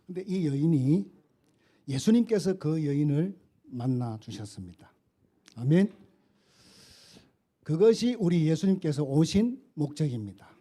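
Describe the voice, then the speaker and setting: A man's voice: a little high, big pitch swings, unhurried, long pauses, warm tone. A male pastor preaching a sermon in a church, retelling scripture as a story with acted dialogue.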